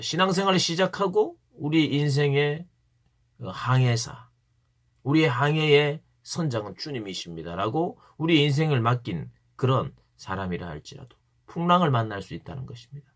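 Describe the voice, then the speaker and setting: A man's voice: medium pitch, animated, normal speed. A man giving an earnest devotional Bible talk to teenagers as a youth pastor, stressing points by repeating key phrases.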